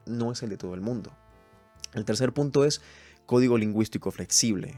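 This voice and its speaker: Low-voiced Venezuelan man musing aloud. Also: darkish tone. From Mérida, Venezuela. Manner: thinks aloud, reads points from a list and comments. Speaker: podcast host. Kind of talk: solo reflective podcast chat.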